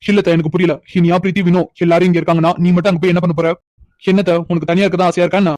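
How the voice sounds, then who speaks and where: A persistent young man in a cartoon, voiced by a woman keeps pressing with pleading questions. He talks very fast in a low voice with a flat, even tune. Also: lightly acted. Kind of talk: animated cartoon dialogue.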